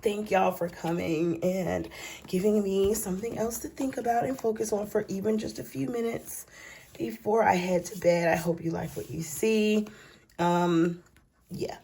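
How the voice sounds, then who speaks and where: A woman's voice: medium pitch, steady tone, unhurried, creaky, mellow, breathy edge. A woman casually walking viewers through her planner late at night, sleepy and yawning, chatty and folksy, calling them y'all and child. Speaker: planner vlogger. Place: at home.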